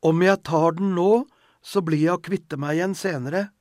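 A frail, devout young girl who whines and pleads, put on by a male narrator. The voice sits a little higher than his own and keeps a husky grain. Dry, close storybook recording with no room sound. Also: very animated, darkish tone, dry recording, full character voice. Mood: whiny. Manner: whiny, pleading.

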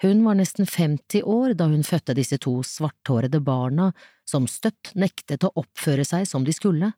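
Mellow, measured storybook narrator. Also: medium pitch, animated, dry recording, studio quality.

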